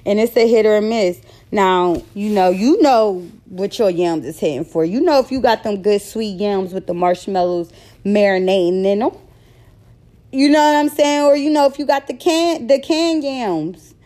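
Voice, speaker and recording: A woman in her thirties talks straight into her podcast mic in a loose, unscripted solo monologue. Her voice sits at an ordinary mid pitch for a woman. She is blunt and candid, and she often trips over her words as she goes. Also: animated, moderate pace, dark tone. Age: 30s. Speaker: podcast host.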